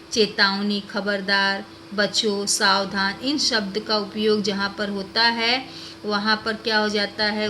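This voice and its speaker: Bright-voiced woman teaching slowly. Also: medium pitch, slight background noise. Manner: explains patiently, repeats questions to pupils. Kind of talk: classroom grammar lesson.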